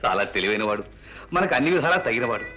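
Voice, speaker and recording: A mid-pitched, fast-talking father who speaks gently and warmly to his daughter. A film soundtrack plays clearly behind him. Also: very animated, faint music behind. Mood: gentle. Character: kindly middle-aged lawyer father. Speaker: father, a lawyer. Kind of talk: 1960s film acting.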